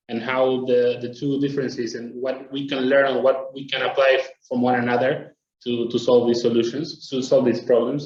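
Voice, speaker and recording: A man from Argentina, presenting a webinar in a steady, explanatory way. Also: mid-range voice, echoey room, highs cut off. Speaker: traffic planner presenting.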